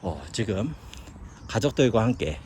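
Middle-aged Korean man, outdoor walking vlog, lively rising and falling speech. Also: on the low side, a little slow, a little hiss or hum. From South Korea. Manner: chatty, musing aloud while hiking. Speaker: vlogger living in China. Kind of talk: casual walking commentary. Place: outdoors on a hillside park.

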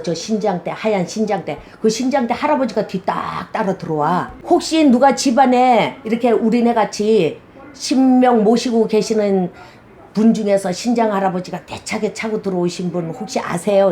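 A woman's voice: medium pitch, a little mellow, a little hiss or hum. A middle-aged woman, a shaman, talking bluntly and animatedly in a casual interview, often acting out quoted dialogue.

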